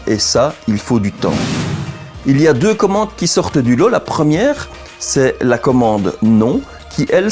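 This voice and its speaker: A man's voice: medium pitch, darkish tone. A man giving an instructional explanation as a dog trainer, didactic and repeating key points for emphasis.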